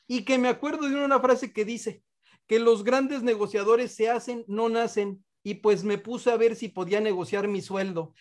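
A man's voice: very high voice, steady tone, moderate pace. A man with a Mexican Spanish accent, hosting a comic game-show style program with theatrical, joking patter. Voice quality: playful and theatrical, with joking asides. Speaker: show host.

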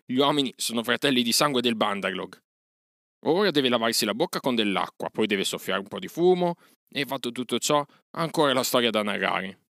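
A man's voice: lowish voice, normal speed, bright, forceful tone, no echo, studio quality. A man reading aloud and voicing a proud young man raised by wolves, speaking firmly and with scorn for villagers. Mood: scornful.

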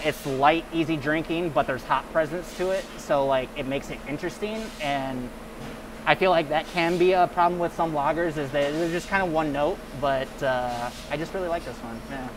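Young man, casual chat, relaxed, filler-heavy, indoors warehouse, noisy background. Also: a little high, normal speed. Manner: relaxed, talkative with many fillers. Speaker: brewery guest.

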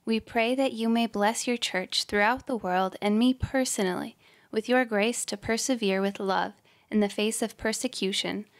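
Measured, prayerful woman podcast host. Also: on the high side, fairly even intonation. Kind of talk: scripted prayer reading.

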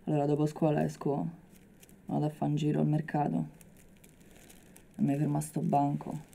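A young woman acting a dramatic monologue as a subdued, working-class Roman woman confiding a painful memory, with a halting, colloquial Roman accent. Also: sits low, completely flat delivery, vocal fry, dark tone. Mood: subdued, reminiscing. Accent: Roman Italian. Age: young adult. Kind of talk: dramatic monologue, conversational and confessional.

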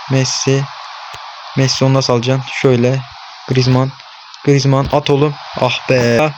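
A man's voice: medium pitch, noisy background. A young man hosting a gaming channel, commentating his own football match as he plays, talking to himself and urging on the players on screen, with frustrated outbursts. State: frustrated and worked up. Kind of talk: live gameplay commentary.

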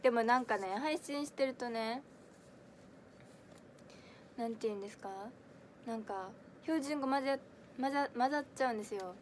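This livestreamer, a young woman in her twenties from Kansai, Japan, is auditioning to be an idol and casually answers viewer comments, giggling and using many fillers. Her pitch is fairly high, her pace moderate, and she pauses often. The audio has a little hiss or hum.

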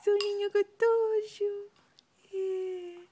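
A woman's voice: extremely high pitch, steady tone, very slow, mellow. A mother cooing in sing-song baby talk to her infant while filming on a phone camera.

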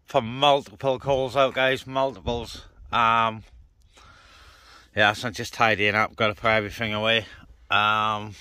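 This man's voice is fairly low, level in tone and measured in pace, pushed and bright, clear and resonant on a dry recording. He's a CB radio hobbyist casually and colloquially vlogging outdoors beside a car on breezy open moorland, speaking to a handheld phone or camera operated from behind. The outdoor recording is noisy with vehicle and ambient noise.

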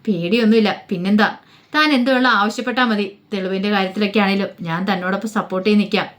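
A woman voicing a young male lawyer who teases at first and then gently reassures, told in a spoken story retelling. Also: medium pitch, fairly even intonation, fast, natural voice. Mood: reassuring. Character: young male lawyer, teasing but supportive.

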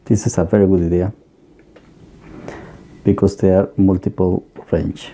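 With a deep, gravelly, dark voice that barely moves in pitch, an electronics workshop host explains his gear indoors at the workbench. The walkthrough is casual and hands-on, his plain advice halting and full of fillers and restarts.

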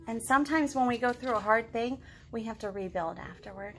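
In her living room, a children's librarian in her thirties hosts storytime, reading aloud and addressing young kids directly with lots of expression. Her voice sits on the high side and sounds brisk and a bit bright, against slight background noise.

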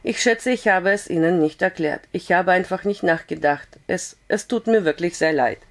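A hoarse woman voicing a shy, kind young male rancher who talks gently and stumbles over his words. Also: on the low side, normal speed, lightly acted. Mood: flustered. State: hoarse with a cough.

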